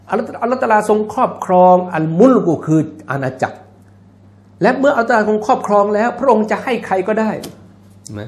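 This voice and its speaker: A man giving a religious lecture in a mosque, explaining in a conversational way with jokes and asides, and chanting scripture passages. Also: sits high. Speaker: Islamic lecturer. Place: mosque hall.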